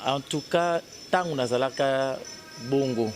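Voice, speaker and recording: Faint music plays behind a medium-pitched man who talks a little slowly. An actor from Kasai, Congo (DRC), he answers interview questions casually with a Congolese French accent, rambling, restarting and switching between French and Lingala.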